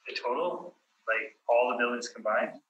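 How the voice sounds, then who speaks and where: A man testifying as a city assessor, heard over a remote call that breaks up, answering questions in a halting, hesitant way. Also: medium pitch, a bit bright, roomy sound, muffled recording, slight background noise. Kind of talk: testimony under cross-examination.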